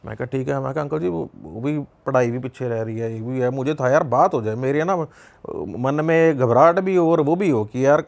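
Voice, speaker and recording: A young man with a Punjabi accent tells a story as a guest on a talk show. His voice has a gravelly, creaky edge and sits at an ordinary pitch. He talks loosely, acting out the dialogue and circling back over his words. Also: normal speed. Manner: conversational, retells dialogue with many repetitions and fillers. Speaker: podcast guest. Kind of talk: casual storytelling.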